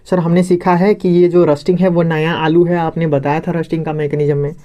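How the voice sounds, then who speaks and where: A man playing a curious young male student who asks his teacher hesitant, drawn-out questions in a classroom role-play. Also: a little high, level tone, mellow, natural voice.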